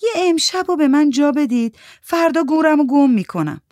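A woman voicing a nervous young woman who talks in a quick, defensive and pleading way. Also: high-pitched, lively intonation, darkish tone, no echo, clean studio sound, voice pushed up.

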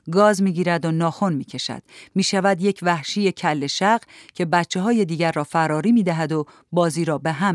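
A narrator reads a literary story for an audiobook in a measured, even way. The voice sits at a middle pitch. It is recorded close and dry. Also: no echo.

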